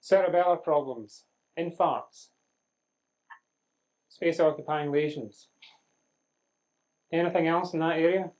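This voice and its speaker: Speaking slowly with frequent pauses, a man with a fairly high, slightly mellow voice delivers a live medical lecture. He keeps it conversational, quizzing the students and questioning the class with dry humour in a lecture room with an audience.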